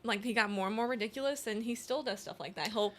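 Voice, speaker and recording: A woman co-hosting a casual podcast, talking chattily and often agreeing. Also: fairly high pitch. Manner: chatty, frequent "like" and quick agreement. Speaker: co-host. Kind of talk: casual conversation. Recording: faint background noise.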